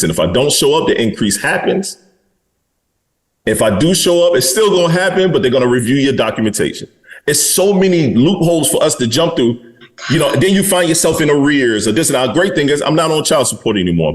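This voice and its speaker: Podcast host, man in his 40s, blunt and candid, casual delivery. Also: medium pitch.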